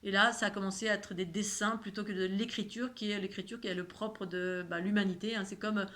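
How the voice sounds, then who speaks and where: A woman's voice: medium pitch, fairly even intonation, brisk, fairly bright tone. Woman with a slight lisp, rambling monologue. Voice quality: slight lisp, slushy s sounds. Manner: rambling, repeats words and phrases for emphasis. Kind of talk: casual spoken monologue about spirituality.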